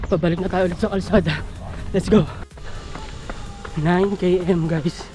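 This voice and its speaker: Casual Filipino vlogger, speaking breathlessly while running outdoors, middle pitch, cheering self on in short bursts over clear background music. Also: fairly even intonation, measured pace, mellow. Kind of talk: casual running vlog, talking to viewers while running. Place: outdoors along a roadside.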